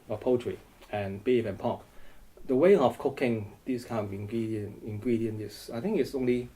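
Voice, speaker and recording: In an oral history interview, a middle-aged Hong Kong man responds hesitantly, with many restarts and repeated words. He has a warm, lowish voice, captured in a low-quality recording.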